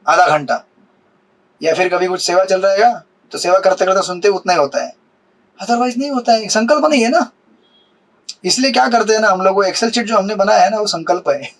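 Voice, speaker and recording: Guy with a high voice preaching a scripture class, keeps quizzing the crowd, drops english words in. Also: a bit bright, poor audio. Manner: asks the audience questions, mixes English words. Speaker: spiritual teacher. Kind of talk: Hindi sermon on scripture.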